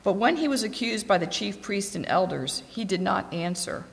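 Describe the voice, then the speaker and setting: A woman reads scripture aloud at a steady, clear pace. Her voice sits at an ordinary middle pitch. A long reverb trails behind each phrase. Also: normal speed. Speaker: scripture reader. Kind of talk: scripture reading.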